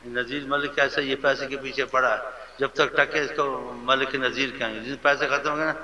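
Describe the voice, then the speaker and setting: A man preaching a devotional sermon with fervent, animated delivery, sometimes mimicking how people speak to others. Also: mid-range voice, a little hiss or hum. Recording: lo-fi recording with faint ambience.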